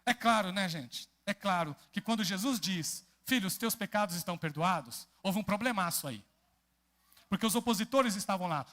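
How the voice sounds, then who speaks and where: A man's voice: sits high, bright, forceful tone. A man with a Brazilian Portuguese accent preaching an expository sermon in a church, often putting questions to the congregation. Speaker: pastor.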